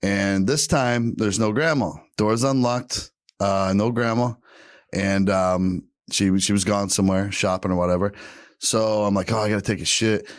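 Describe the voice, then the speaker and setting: A man's voice: lowish voice, fairly even intonation, unhurried, dry recording, studio quality. A man with an American accent, casually telling a comic story in an informal, crude way. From United States.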